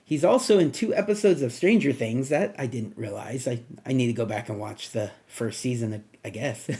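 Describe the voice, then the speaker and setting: Rambling man with a mellow voice. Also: medium pitch, moderate pace, few pauses. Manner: rambling, many fillers and restarts. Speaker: movie reviewer. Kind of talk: casual spoken movie review.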